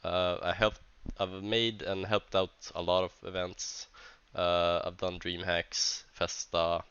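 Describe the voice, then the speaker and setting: A man with a Swedish accent, a tournament organizer who speaks English as a second language, reads a vlog script in a halting, hesitant way with many restarts while sounding stuffy from a cold. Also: sits low, little pitch movement, a bit bright, smooth, no room sound, highs cut off. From Sweden.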